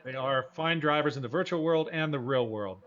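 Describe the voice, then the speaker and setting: Brisk and a little high, with a fairly bright tone, this race broadcast host commentates live sim racing in a folksy, informal, enthusiastic way. The audio is dull and lo-fi.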